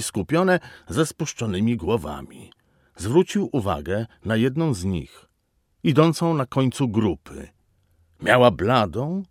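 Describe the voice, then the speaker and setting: A man reading a novel aloud as narrator, telling it in a slow, expressive way with dramatic pauses. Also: fairly low pitch, no room sound, clean studio sound. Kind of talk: audiobook narration.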